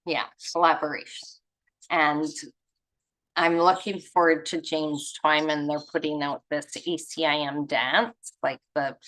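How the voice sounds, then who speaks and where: On a low-quality recording from an online group video call, a woman with a low, fairly bright voice leads a spiritual study gathering. She reads aloud and adds casual, rambling remarks, chuckling informally and trailing off as she hunts for words.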